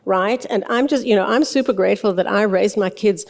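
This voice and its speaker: A woman's voice: medium pitch, a little fast, creaky, darkish tone. An older woman, a conference presenter, answers audience questions in a frank, conversational manner. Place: large hotel ballroom stage. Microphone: podium microphone. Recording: long hall reverb from PA.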